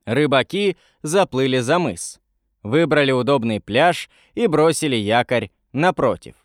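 Мужчина читает сказку с живой интонацией. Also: male voice, medium pitch, lively intonation, a little slow, no echo, clean studio sound. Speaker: narrator. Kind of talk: audiobook narration.

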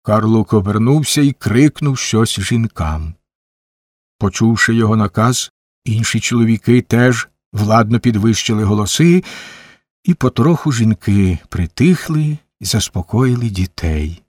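A man reading a novel aloud as a measured audiobook narrator. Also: on the low side, animated, darkish tone, no room sound, clean studio sound. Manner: measured, unhurried storytelling. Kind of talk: scripted narration.

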